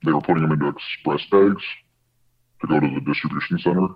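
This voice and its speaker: Guy w a disguised altered voice, super deep and husky, halting matter-of-fact answers, muffled clip. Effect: electronically altered, very deep disguised voice. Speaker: postal worker whistleblower. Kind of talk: answering interview questions in a recorded clip. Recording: muffled lo-fi video clip audio.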